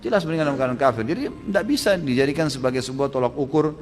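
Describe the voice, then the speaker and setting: Fast-talking preacher in a reverberant hall. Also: male voice, mid-range voice, slight background noise. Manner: animated, emphatic, rising sharply to stress rulings. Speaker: preacher answering audience questions. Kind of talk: religious Q&A lecture.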